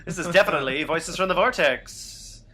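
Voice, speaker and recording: A man's voice: fairly high pitch, normal speed, sharp tone. A man co-hosting a casual fan podcast, upbeat and laughing often. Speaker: podcast co-host.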